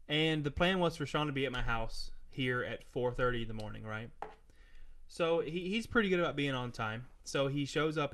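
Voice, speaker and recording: Relaxed man telling a story. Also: mid-range voice, clear, resonant tone. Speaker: co-host. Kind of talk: casual chat.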